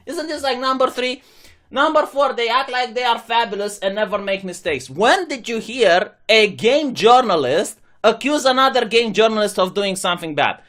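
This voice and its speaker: A man's voice: very high voice, expressive, normal speed, fairly bright tone. A young man from Romania, a channel host, giving sarcastic opinion commentary. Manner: sarcastic, mocking imitations of critics.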